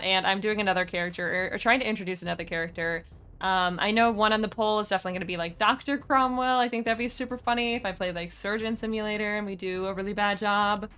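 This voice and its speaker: A woman's voice: mid-range voice, a bit bright, clear, resonant tone. A young adult woman streamer chatting casually with viewers, giggly and full of filler words. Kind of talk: casual chat.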